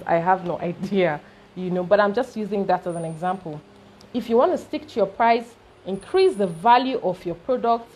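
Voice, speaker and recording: A woman with a Nigerian accent and a mid-range voice coaches on business growth, speaking emphatically and checking in with rising tags like "okay?". She briefly chokes. The recording is rough, with slight background noise.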